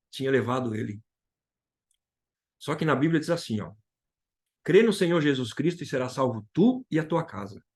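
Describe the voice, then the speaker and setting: A man's voice: mid-range voice, a little mellow, husky. A man from Brazil sharing an emotional personal testimony as a guest, retelling dialogue and repeating key phrases.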